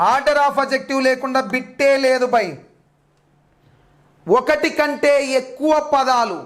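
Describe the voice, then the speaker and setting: A man's voice: very high voice, fairly bright tone. A man teaching English grammar for a teacher exam, repeating key terms emphatically as he drills them. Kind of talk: exam-prep grammar lecture.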